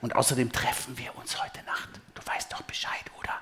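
A man voicing a kind, patient father who is gentle and fond during a storybook reading. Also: mid-range voice, expressive, moderate pace, a little hiss or hum, lightly acted. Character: kind, patient dad, sometimes stern.

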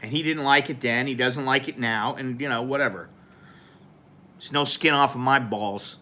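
A man in his forties hosts a loose, rambling live stream, chatting informally with his viewers and filling his pauses with "uh" and "um". His voice is bright and forceful. A faint hiss of room noise sits under him as he talks to a nearby camera in a small room. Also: mid-range voice. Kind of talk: casual live stream chat. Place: small indoor room with a plain wall.

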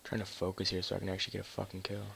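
A man's voice: low voice, monotone, very fast, vocal fry, fairly bright tone, a little hiss or hum. A man doing casual live gameplay commentary on a headset mic as a raging gamer, swearing and grumbling in exasperation. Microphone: gaming headset.

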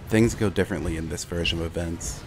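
A man narrates a video essay in a low voice. His scripted delivery is measured and story-like, with music playing behind him. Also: darkish tone.

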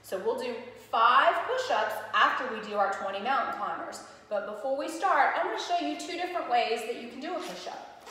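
A woman's voice: fairly high pitch, expressive, a little fast, bright, forceful tone, very echoey, in a large hall, low-quality recording. A woman PE teacher leading an exercise lesson, upbeat and counting reps aloud, a little out of breath. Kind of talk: exercise instruction video.

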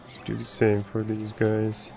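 Guy slowly muttering thru a park-building game, gravelly low rasp, game music going the whole time. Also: monotone, background noise. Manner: muttering to himself while building, chuckling. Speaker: let's play gamer. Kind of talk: casual gameplay commentary.

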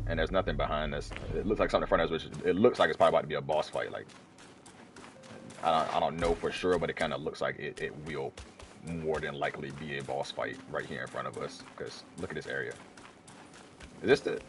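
A man giving casual let's play commentary, rambling and correcting himself as he chats to the screen. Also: rumbling low. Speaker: gamer playing through a video game.

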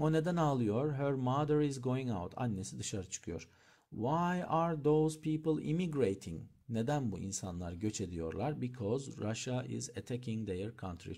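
A man's voice: medium pitch, warm tone, husky. A man teaching an English lesson, reading example sentences aloud and then translating each one. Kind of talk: bilingual language lesson.

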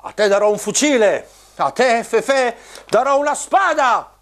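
A man voicing a pompous, declaiming, warmongering lord of war in a children's puppet play. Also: extremely high pitch, animated, unhurried, exaggerated voice. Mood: pompous, martial.

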